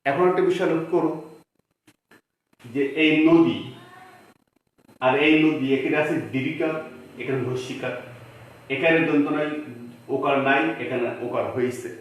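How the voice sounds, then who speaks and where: In a very echoey room, a man with a Bangladeshi Bengali accent and a fairly high voice teaches a grammar lesson. He explains slowly, repeats words and poses rhetorical questions.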